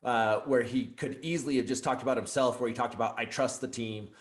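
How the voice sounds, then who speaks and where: A man's voice: medium pitch, brisk. A man hosting a podcast, upbeat and enthusiastic, chatting casually with his guest. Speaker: podcast host. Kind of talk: casual interview chat.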